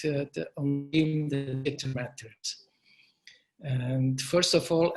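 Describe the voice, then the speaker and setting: An earnest poet and organization director of Swiss and Italian background, whose first language is German, gives a prepared panel presentation over a video call. His slightly high voice comes through a rough recording, and his non-native phrasing is a little halting.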